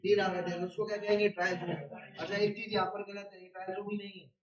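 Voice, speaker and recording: High-voiced male teacher in a roomy space. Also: little pitch movement, quick pace. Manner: asks the class questions and answers them himself; casual, uses everyday classroom examples. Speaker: biology teacher. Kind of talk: classroom lecture. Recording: roomy, distant and dull-toned.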